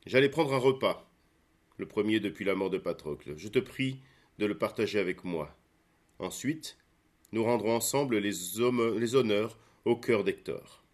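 A heartbroken warrior king speaks in a solemn, earnest storybook tone, as a man reads him. His voice sits a little low and carries quiet weight. He pleads and apologizes with gravity. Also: normal speed, natural voice. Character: grieving noble Greek hero, humbled.

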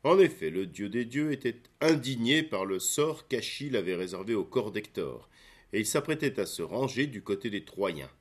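A man narrates a storybook in a measured, expressive way. His voice sits somewhat low. The reading flows steadily with clear storytelling emphasis.

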